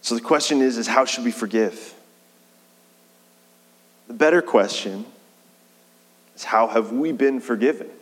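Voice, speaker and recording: A man's voice: mid-range voice, a little slow, long pauses. Male pastor preaching in a reverberant hall. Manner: conversational preaching with shifting pace and emphasis. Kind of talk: sermon. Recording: long reverb of a large hall.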